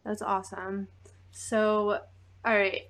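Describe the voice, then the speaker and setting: A woman in her thirties interviewing a musician in casual chat, relaxed and friendly with many fillers. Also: medium pitch, takes it slowly. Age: 30s.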